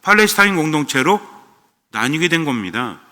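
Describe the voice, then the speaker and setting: Priest guy w/ seoul-style accent, chatty sermon, asks the crowd stuff, super bright voice. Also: a little high, big pitch swings, moderate pace. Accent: standard Seoul-style Korean. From Gyeonggi Province, Korea. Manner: conversational, asks the congregation questions. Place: church. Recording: long church reverb.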